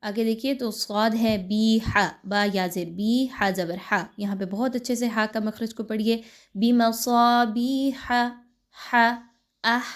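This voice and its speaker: Patient female tajweed teacher, fairly high voice. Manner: patient, explains pronunciation step by step, then recites slowly and drawn out. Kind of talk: tajweed lesson with slow recitation examples.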